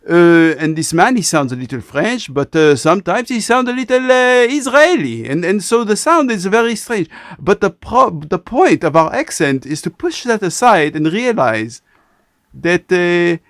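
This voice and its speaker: Animated Canadian host, dry sound. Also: male voice, sits high, moderate pace, no echo. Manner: animated, rambling with many restarts. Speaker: podcast host. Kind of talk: casual interview chat.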